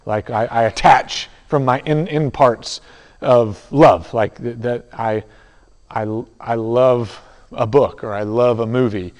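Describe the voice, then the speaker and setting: A man preaching a conversational sermon, halting with restarts and fillers as he teaches. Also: mid-range voice, steady tone. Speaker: pastor. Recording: long hall reverb.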